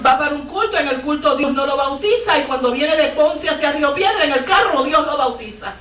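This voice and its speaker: A woman missionary delivers a fervent Pentecostal sermon, weaving her story with cries of praise. Her voice sits high, and the church recording is echoey and taken from afar. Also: expressive, fairly quick, fairly bright tone, far from the mic. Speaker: missionary preacher. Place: church sanctuary.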